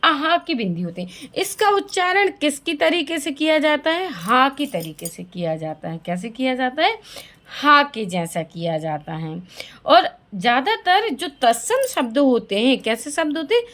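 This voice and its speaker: A woman teaching a class of young children, her voice fairly high and swinging up and down a great deal. She asks the class a question and then answers it herself, repeating every key word so the children remember it. Her tone is the patient, sing-song manner of a school lesson. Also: big pitch swings, a little slow, fairly bright tone.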